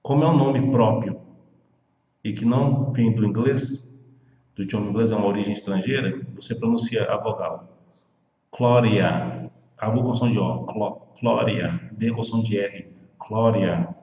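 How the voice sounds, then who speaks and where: A man who speaks Portuguese natively, teaching an English pronunciation lesson and repeating words slowly and patiently. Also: fairly low pitch, warm tone. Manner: slow, repetitive drilling of words. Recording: echoey room, dull lo-fi sound.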